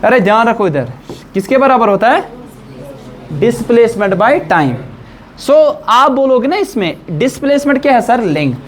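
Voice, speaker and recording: A man's voice: very high voice, very animated, moderate pace, a bit bright. Man teaching physics, quizzing a class. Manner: quizzing students with questions. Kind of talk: classroom lecture.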